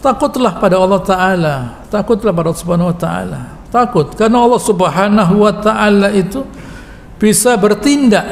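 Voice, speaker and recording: High, gravelly-voiced preacher in a mosque. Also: male voice. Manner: folksy and joking, many asides, chuckles at own jokes. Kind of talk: mosque sermon, Quran commentary. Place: mosque hall. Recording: reverberant mosque hall with faint noise.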